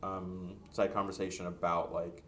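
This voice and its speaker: A man's voice: deep voice, completely flat delivery, normal speed, a bit bright, a little hiss or hum. A man hosting a podcast, asking questions in a loose, searching way, with many fillers. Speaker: podcast host. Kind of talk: casual interview chat.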